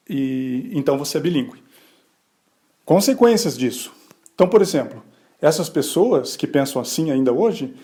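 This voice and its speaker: A Brazilian male podcast host with a slightly high, warm, mellow voice gives a chatty solo explainer. He talks conversationally, asks rhetorical questions, often tags sentences with "né?", and briefly voices other people in quick asides.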